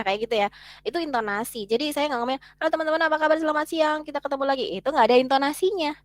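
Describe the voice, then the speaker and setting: A woman from Indonesia teaches a class over a video call in a lively, chatty way, often turning to the audience with questions. Her voice sits high. The sound is dry and close, with no room echo. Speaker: webinar teacher. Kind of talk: online teaching lecture.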